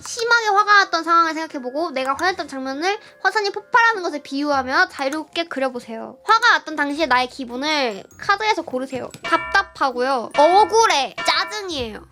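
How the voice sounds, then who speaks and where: Very high-pitched, sharp-voiced grumbling young woman streamer. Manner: sarcastic, irritable, bursts into loud yelling. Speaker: live streamer. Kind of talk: reading a workbook aloud with grumbling commentary.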